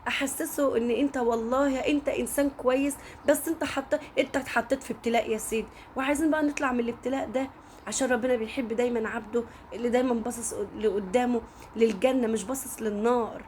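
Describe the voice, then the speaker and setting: A woman's voice: on the high side, fairly even intonation, fast talker, darkish tone, a little hiss or hum. A woman with an Egyptian accent telling a story in a casual, chatty way, often turning to speak directly to her listeners. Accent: Egyptian Arabic.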